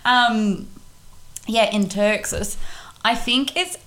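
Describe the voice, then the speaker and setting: A woman's voice: on the high side, slow pace, a bit bright, a little hiss or hum. Young woman, podcast co-host, chatty, candid, casual. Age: young adult. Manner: chatty, laughs often, candid. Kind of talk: casual chat.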